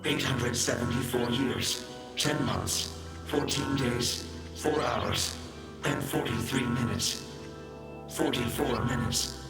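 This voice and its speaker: An actor playing a male military defense robot in a video game, his voice run through fuzz distortion, speaking in a clipped, flat, robotic way. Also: medium pitch, slow pace. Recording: echoey game audio over loud music. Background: loud game music.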